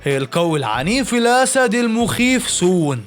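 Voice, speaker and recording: A man's voice: high-pitched, very animated, normal speed, faint music behind. A man with an Egyptian accent narrating an anime recap in a chatty, joking way, talking straight to the listener. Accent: Egyptian Arabic. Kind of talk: fast casual storytelling recap.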